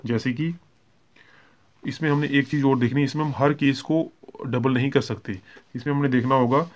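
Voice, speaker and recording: A man's voice: mid-range voice, moderate pace, highs cut off. Male shorthand tutor, Hindi accent, plain mid voice, patient step-by-step explainer with frequent check-ins. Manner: steady explaining, frequent "ठीक है" check-ins and self-corrections; mixes English terms into Hindi. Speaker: shorthand teacher. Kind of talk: classroom lesson explaining strokes.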